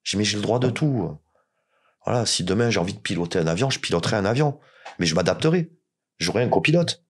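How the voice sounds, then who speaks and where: A man's voice: lowish voice, expressive, quick pace, husky. A man from France, a podcast guest, telling stories in casual chat, blunt and joking with plenty of swearing.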